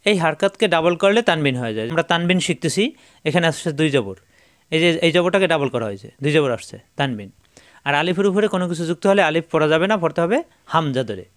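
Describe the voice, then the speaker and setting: A male Quran teacher giving a patient step-by-step recitation lesson, slowly repeating each syllable for his learners. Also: a little high, fairly bright tone, dry recording, clean studio sound.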